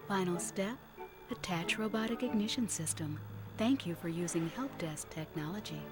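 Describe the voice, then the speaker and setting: A woman's voice: lowish voice, normal speed, loud music behind the voice, natural voice. A woman voicing a polite female help desk robot in a video game, speaking in scripted service phrases. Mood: polite, automated.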